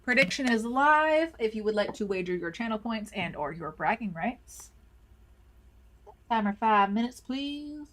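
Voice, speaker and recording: A woman's voice: fairly high pitch, lively intonation, unhurried. A woman streaming a video game, chatting playfully with her viewers and reading their messages aloud. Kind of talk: casual live-stream commentary.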